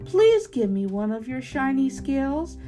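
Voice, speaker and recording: A woman's voice: sing-song, unhurried, soft background music. A woman doing a small pleading fish. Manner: pleading, high and bright.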